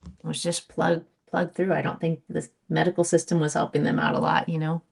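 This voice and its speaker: Husky, gravelly low-voiced woman. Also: little pitch movement, brisk. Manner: reflective, gentle, many fillers. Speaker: guest. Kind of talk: casual conversation.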